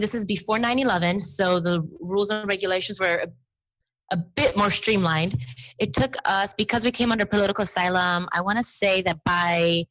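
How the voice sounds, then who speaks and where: A Romanian-born woman in her thirties, whose first language is Romanian, tells her family story as a guest in a chatty, conversational interview. Her voice is lowish and a bit bright, she laughs easily, and the recording quality is low.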